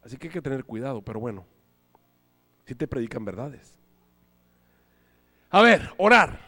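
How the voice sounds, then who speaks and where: Lively preacher, church reverb. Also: male voice, medium pitch, normal speed. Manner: animated preaching with acted-out voices and asides. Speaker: pastor. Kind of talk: sermon. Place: church hall. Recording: live church hall reverb.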